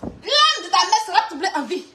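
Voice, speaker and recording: A woman's voice: extremely high pitch, sing-song, moderate pace, bright, forceful tone, a little hiss or hum. A woman ranting a mocking insult clash at a rival, laughing often as she talks. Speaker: online clash streamer.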